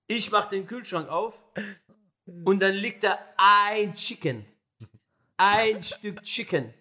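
A young man telling a story in animated, laughing style, mimicking other people as he goes. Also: high-pitched, slow pace. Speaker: podcast guest telling a story.

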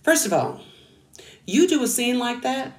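A woman's voice: a little high, measured pace. A woman co-hosting a casual, profane movie review chat, acting out scenes as she recaps them. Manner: animated, profane, acts out scenes. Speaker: podcast co-host.

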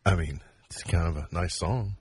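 Male radio co-host, husky, casual banter. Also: low-pitched, normal speed, darkish tone. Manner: reads almanac items, then riffs. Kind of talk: casual morning radio chat.

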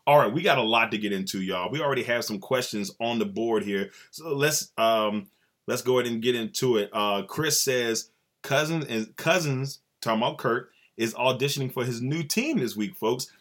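A man hosts a sports podcast in a relaxed, joking way. His voice is bright and forward. He keeps up an easy banter with his cohost. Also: mid-range voice, normal speed. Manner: laid-back, joking, chatty with cohost. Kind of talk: casual sports podcast chat.

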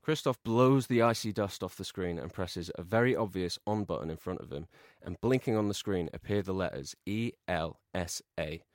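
A man co-hosting a podcast, reading out a comic film pitch with deadpan storytelling delivery. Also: moderate pace, hardly any pauses, no echo, clean studio sound. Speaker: podcast co-host.

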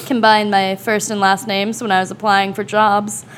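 A woman guesting on a podcast in casual chat, playful and quick to laugh. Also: mid-range voice, level tone, a bit bright, slight background noise. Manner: playful, giggly.

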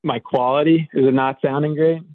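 A man calling in on a phone set to speaker, his voice muffled and hollow as if in a tunnel, chatting in a relaxed way with lots of fillers. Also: on the high side, a little fast, no room sound. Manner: relaxed, laid-back, many fillers. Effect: muffled hollow speakerphone sound, like talking in a tunnel. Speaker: racer guest calling in. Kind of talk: casual chat over the phone. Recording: tinny dry phone line.

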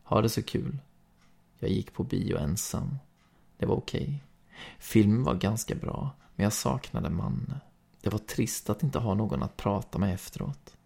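A man with a Swedish accent reading a story aloud in calm, steady first-person narration. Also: fairly low pitch, vocal fry, breathy edge. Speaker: podcast reader.

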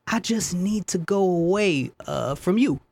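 A woman voicing a nervous, vain young gentleman who stammers primly in a comic melodrama. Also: fairly low pitch, expressive, measured pace, gravelly, slightly rough, heavily acted. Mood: flustered. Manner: flustered, stammering, prim.

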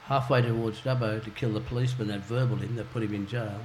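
An Australian man reading a passage from his own novel to a festival audience, in a measured, rhythmic way that grows forceful. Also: lowish voice, steady tone. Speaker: author reading at a literary festival. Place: festival talk venue. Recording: noisy live event recording.

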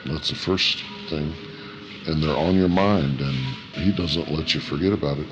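A man giving thoughtful, halting interview answers as a guest, his voice electronically disguised. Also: fairly even intonation, dull audio. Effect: disguised voice, electronically lowered. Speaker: interview guest, missionary worker. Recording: music under the voice. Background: music.

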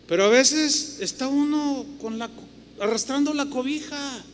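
Animated Mexican pastor preaching in reverberant hall. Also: male voice, extremely high pitch, a little slow. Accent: Mexican Spanish. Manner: animated storytelling, voices other people's lines. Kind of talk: sermon. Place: church hall with long reverb. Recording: reverberant hall, faint noise.

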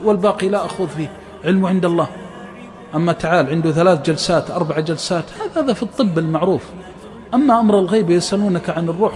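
A man's voice: fairly high pitch, darkish tone. A man preaching a religious sermon in a fervent, emphatic way.

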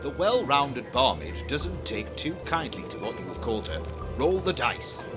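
A man's voice: medium pitch, very animated, moderate pace. A man narrating a tabletop game as game master, bossy and teasing. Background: background music.

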